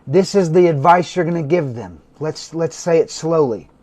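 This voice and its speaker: A man hosting a livestream, talking slowly and soothingly as he guides a meditation and gives instructions. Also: fairly high pitch, a little mellow. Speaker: host of a livestream. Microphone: phone or computer mic for a livestream.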